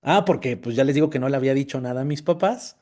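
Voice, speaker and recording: A man's voice: mid-range voice, fast talker, darkish tone. A man with a Mexican accent, a priest, giving a personal testimony talk with slides, telling his story in a conversational way and often adding tag questions.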